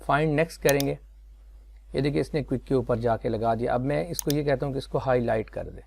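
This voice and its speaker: A man explaining a computer tutorial step by step, unhurried and with many fillers. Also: mid-range voice, gravelly, darkish tone. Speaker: software tutorial teacher. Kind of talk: screen-recorded tutorial.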